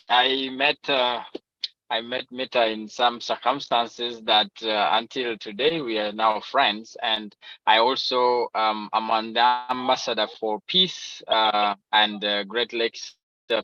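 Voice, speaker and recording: A man from Uganda, introducing himself on a video call that keeps breaking up. He talks haltingly, with many "uh" fillers. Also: mid-range voice, sharp tone, no room sound. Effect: video call audio, breaking up. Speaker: guest speaker, event organizer. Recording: dull lo-fi video call audio.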